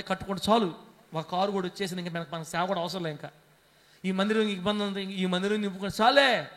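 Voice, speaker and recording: A man pastor preaching a sermon with passion, swinging between hushed and loud passages and calling on the congregation to answer aloud. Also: high-pitched. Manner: calls on the congregation to respond aloud.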